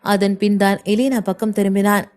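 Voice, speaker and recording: A woman narrating a novel in a steady storytelling manner. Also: mid-range voice, normal speed. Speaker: audiobook narrator. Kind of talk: scripted narration.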